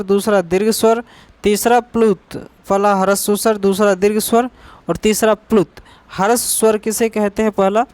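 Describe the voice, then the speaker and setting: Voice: medium pitch, a little mellow, clear, resonant tone, dry recording. A teacher giving an exam-focused grammar lesson, repeating each definition and asking rhetorical questions before answering them. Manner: spells out letters and examples slowly.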